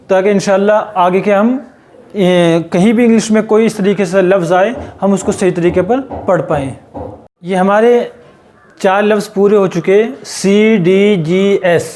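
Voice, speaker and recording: A man's voice: sits high, a little mellow. A man teaching an English lesson, spelling words out letter by letter and repeating each one patiently. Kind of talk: classroom lesson.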